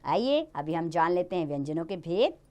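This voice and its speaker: A woman teaching a Hindi grammar lesson to young children in a lively, sing-song way. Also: lowish voice, normal speed.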